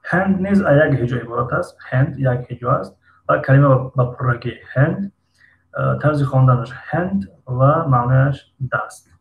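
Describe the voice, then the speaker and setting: A man's voice: mid-range voice, vocal fry, echoey room, lo-fi sound. A man teaching an English lesson, patiently quizzing his students by name and explaining words one by one.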